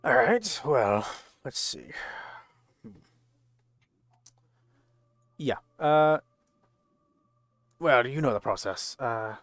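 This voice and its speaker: A man narrating a tabletop game as game master in a halting, informal, slangy way. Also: medium pitch, animated, a bit bright.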